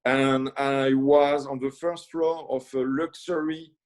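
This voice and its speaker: This is a middle-aged French chef with a French accent, a guest discussing his career in a relaxed interview. His voice is medium-pitched, steady and somewhat dark, and he speaks haltingly, with many fillers and restarts.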